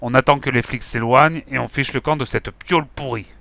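A man voicing a nervous, menacing male gang leader who talks in a gruff, threatening way. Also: mid-range voice, steady tone, brisk, sharp tone, no echo.

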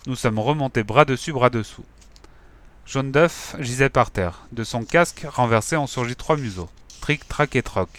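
A man reading a children's story aloud in a lively, expressive way. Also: mid-range voice, moderate pace. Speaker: storybook reader.

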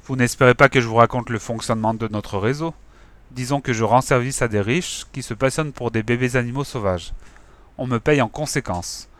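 A man's voice: medium pitch, brisk, fairly bright tone, no room sound, close to an everyday voice. A man reading a storybook aloud, voicing a mocking male animal smuggler who chuckles and talks in slang. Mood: sneering.

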